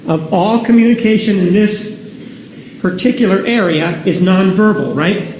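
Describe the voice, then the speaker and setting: A man with a high voice cross-examines a witness, pressing and insisting on yes or no. The courtroom recording rings with room echo. A faint hiss sits underneath. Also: measured pace, darkish tone. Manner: pressing, demands yes-or-no answers. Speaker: prosecutor. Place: large echoey courtroom.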